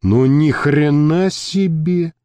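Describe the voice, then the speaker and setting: A man reading an audiobook, voicing a blustering militia captain who speaks slowly and bluntly. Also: fairly high pitch, sing-song, mellow, no echo. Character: brash, swaggering militia captain, male.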